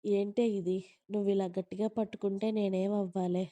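A woman voicing a teasing, bossy young husband who scolds with care, in a gruff tone. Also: mid-range voice, little pitch movement, fairly quick, warm tone, no room sound, close to an everyday voice.

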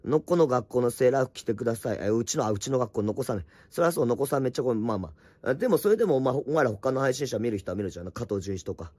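A middle-aged man with a slightly hoarse voice, chatting casually on a late-night livestream from home, reading viewer comments and answering them bluntly with teasing, rough asides. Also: mid-range voice, expressive, racing, few pauses, darkish tone, dry recording. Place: at home, wrapped in an electric blanket.

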